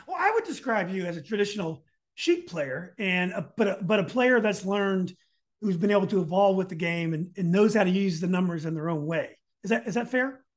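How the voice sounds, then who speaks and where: Guy podcast host, pretty high voice, casual, keeps pausing to find the right word. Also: expressive. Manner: hesitant, searching for words. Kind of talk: casual interview.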